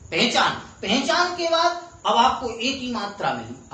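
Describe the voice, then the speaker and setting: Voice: medium pitch, bright, forceful tone, a little hiss or hum. A teacher explaining a grammar lesson step by step, patiently repeating the key terms. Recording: very echoey room.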